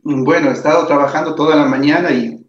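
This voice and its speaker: A man's voice: on the high side, fast talker. A man with a tired voice, giving an earnest recorded lesson on psychology and often checking in with his listeners. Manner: earnest, repeats himself, asks "¿de acuerdo?". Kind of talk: recorded lecture over slides. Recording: echoey room, dull lo-fi sound.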